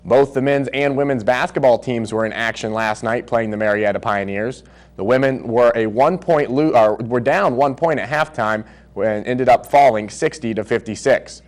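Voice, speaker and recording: A man anchoring a campus news show, reading sports results in a steady scripted way. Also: mid-range voice, normal speed.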